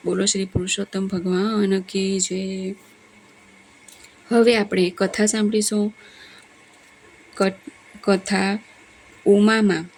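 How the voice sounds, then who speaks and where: A woman's voice: mid-range voice, vocal fry, a little mellow, slight background noise. A woman reading devotional scripture stories aloud, with small slips and self-corrections. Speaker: devotional story reader. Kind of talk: religious scripture storytelling.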